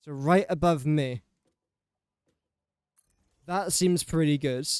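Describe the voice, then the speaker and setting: Recorded with studio quality and no echo, this young Englishman speaks slowly in a slightly high, somewhat mellow, clean voice. He's a gaming streamer giving casual commentary on a building game, talking to his placed pieces with self-deprecating humor.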